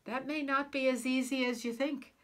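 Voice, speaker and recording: A woman's voice: high voice, steady tone, moderate pace, pitched above the performer's own voice, natural voice. A woman voicing a clever, sweet-talking wife as she reads a storybook aloud, soothing and sly.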